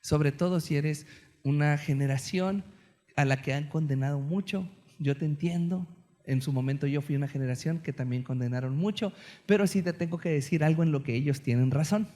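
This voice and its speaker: A man in his thirties with a Mexican accent, preaching a sermon as an animated, joking storyteller. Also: fairly high pitch, moderate pace.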